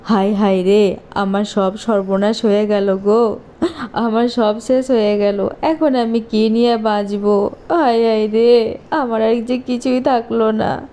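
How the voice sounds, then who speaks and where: A woman voicing a doting, hot-tempered village father in a cartoon, talking in a loud, emotional way. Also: fairly high pitch, steady tone, slow. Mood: wailing. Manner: shouting, emotional. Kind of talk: cartoon voice acting.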